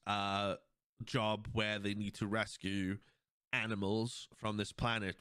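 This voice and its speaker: A man hosting a podcast, chatting casually and retelling cartoon scenes in a rambling, animated way. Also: on the low side, no room sound. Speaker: podcast host. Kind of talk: casual chat.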